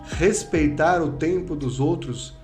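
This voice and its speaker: A man's voice: a little high, slow pace, darkish tone, reverberant, soft background music. Man coaching public speaking. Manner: didactic, acts out students' complaints. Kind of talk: instructive podcast talk. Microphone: studio microphone.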